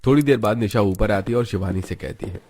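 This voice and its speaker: Low-voiced man narrating a story. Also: fast, a little mellow.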